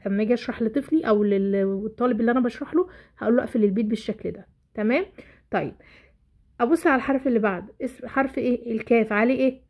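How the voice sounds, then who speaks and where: Egyptian woman teacher quizzing herself aloud. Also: on the high side. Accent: Egyptian Arabic. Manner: asks herself questions and answers them. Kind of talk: explaining a lesson to parents and children. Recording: dull lo-fi recording.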